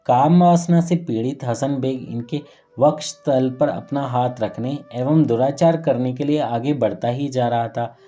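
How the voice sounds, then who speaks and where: A man's voice: mid-range voice, a little slow, warm tone. A man narrating a saint's life story in a reverent, earnest devotional storytelling manner, now and then correcting himself mid-phrase. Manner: earnest, reverent retelling with occasional self-corrections.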